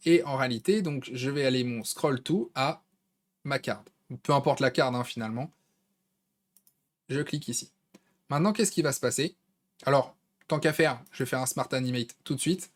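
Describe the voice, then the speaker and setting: Casual French man teaching software. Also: mid-range voice. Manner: casual, conversational, many fillers. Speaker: tutorial host. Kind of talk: screen-recorded software tutorial.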